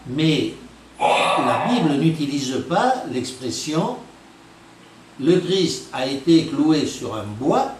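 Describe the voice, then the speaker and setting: A man giving a teaching talk on scripture, emphatic and full of rhetorical questions, recorded from some distance in an echoey room. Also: fairly high pitch. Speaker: preacher. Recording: echoey, from a distance, faint noise.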